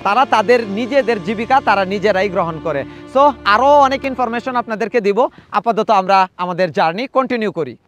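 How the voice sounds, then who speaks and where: উঁচু গলার পুরুষ travel vlogger. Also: male voice, high voice, moderate pace, faint music behind. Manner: excited, hushed at times while filming wildlife. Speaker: travel vlogger. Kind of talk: casual travel vlog narration. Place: outdoors on a safari vehicle.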